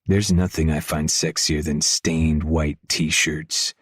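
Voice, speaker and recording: A man reading a first-person romance audiobook in a low, intimate, measured way, close to the mic. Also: flat delivery, breathy edge, dry recording. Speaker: audiobook narrator.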